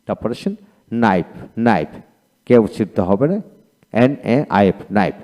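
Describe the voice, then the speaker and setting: A man's voice: lowish voice, lively intonation, moderate pace, dark tone. A man with a Bangladeshi Bengali accent giving a spoken English lesson, saying each word twice and spelling it out letter by letter. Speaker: English teacher.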